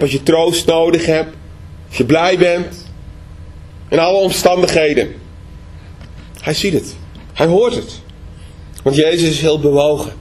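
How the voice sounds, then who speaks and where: A man's voice: a little high, darkish tone, breathy edge. A man preaching a sermon in a conversational way, often asking the listeners questions. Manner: conversational, asks rhetorical questions.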